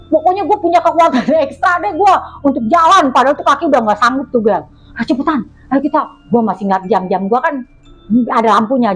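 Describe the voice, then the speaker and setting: A woman speaks in a high voice as a guest telling her story. Her delivery is animated and slangy, and she retells it dramatically. Soft music plays faintly behind her. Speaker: guest telling a mystical experience. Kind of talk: casual storytelling chat.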